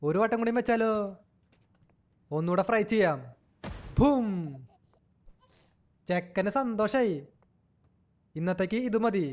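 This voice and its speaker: A young man giving playful game commentary, teasing and cooing at an in-game baby as if it were a child. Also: high voice. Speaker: gaming channel host.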